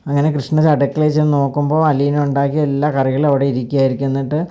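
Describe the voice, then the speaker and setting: A narrator retelling a TV serial episode in rapid, even storytelling, with frequent filler sounds between sentences. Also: mid-range voice.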